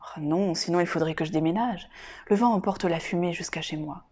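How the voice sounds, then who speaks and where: Lovesick young patient, soft and subdued, read by a woman. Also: lowish voice, a little fast. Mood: wistful. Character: troubled young man, lovesick clinic patient. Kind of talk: audiobook character reading.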